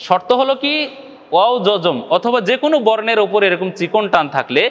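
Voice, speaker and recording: A man's voice: high-pitched, big pitch swings, fairly quick, big-room sound, muffled recording. A man with a Bangladeshi Bengali accent teaching Quran recitation in a video lesson, patiently repeating each point and checking that viewers follow.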